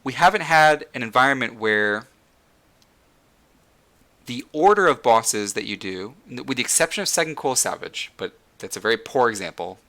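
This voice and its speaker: A man's voice: mid-range voice, animated, normal speed, bright, forceful tone. A man hosting a casual gaming discussion, rambling with many fillers and restarts, saying he is losing his voice. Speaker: podcast host.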